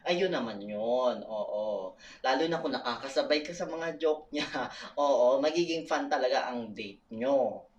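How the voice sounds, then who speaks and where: A woman's voice: extremely low pitch, lively intonation, measured pace, darkish tone, distant mic, dull audio. A woman from the Philippines with a Filipino accent, chatting casually to her viewers, laughing often and calling out to them. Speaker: vlogger. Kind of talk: casual vlog chat.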